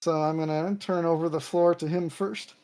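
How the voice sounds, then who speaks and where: A woman guest on an online call, her voice stuffy from hay fever, calmly laying out her points with frequent ums. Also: lowish voice, normal speed. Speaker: guest developer.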